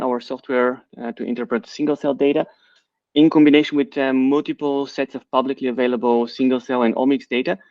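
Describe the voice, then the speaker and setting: A middle-aged man from Bulgaria, a company CEO and co-founder, answering interview questions in a measured, explanatory way with frequent fillers. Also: mid-range voice, darkish tone, dry recording. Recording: dry, slightly dull sound.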